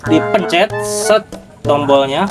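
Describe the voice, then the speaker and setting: A man's voice: a little high, slow, over music. A man chatting casually as host of a cooking vlog, playful, often repeating himself and stumbling over words.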